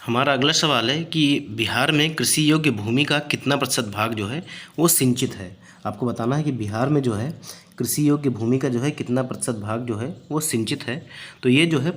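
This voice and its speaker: A man's voice: mid-range voice, normal speed, a bit bright. A man, a coaching teacher working through past exam questions, explaining each answer with fillers and repeated phrases. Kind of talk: exam-prep lecture solving past questions.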